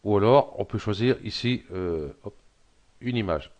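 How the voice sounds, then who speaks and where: A middle-aged man with a frog in his throat, hesitantly talking through a software tutorial with many fillers. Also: fairly low pitch, animated, a little slow. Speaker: tutorial presenter. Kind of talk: screen-recorded software tutorial.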